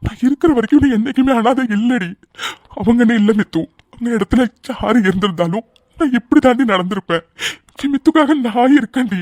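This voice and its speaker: A fast-talking protective young lover in a cartoon, pleading, dry close sound. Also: male voice, high voice, a little mellow, no echo. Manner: pleading and insistent, speaks fast. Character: devoted, protective young man, fiery in love. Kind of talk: cartoon dub dialogue.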